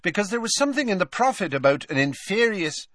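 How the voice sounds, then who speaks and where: A man's voice: high-pitched, big pitch swings, fast talker, a bit bright, dry recording, clean studio sound, voice pushed up, exaggerated voice. A man voicing an eager young male student who asks pleading questions.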